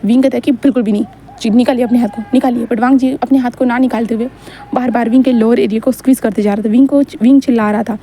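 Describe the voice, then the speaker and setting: A woman's voice: on the high side, dark tone, slight background noise. A woman narrating a fan story in a casual, rambling way, with many fillers and English words mixed in.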